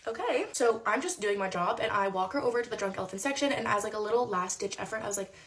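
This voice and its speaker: Fast, chatty storytelling woman. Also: mid-range voice. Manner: chatty, animated, lots of "like". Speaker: former beauty store worker. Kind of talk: casual storytime.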